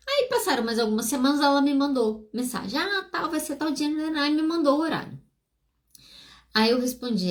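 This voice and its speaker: A Brazilian woman in her fifties, a psychologist hosting a podcast, explains emotions in a monologue and acts out short dialogues. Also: medium pitch. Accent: Brazilian Portuguese.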